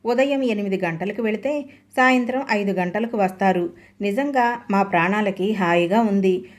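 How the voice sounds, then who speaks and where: Lady reading as a grown daughter, defensive, brisk, mid pitch. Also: lightly acted. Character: busy adult daughter, defensive and sharp. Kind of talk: audiobook story reading.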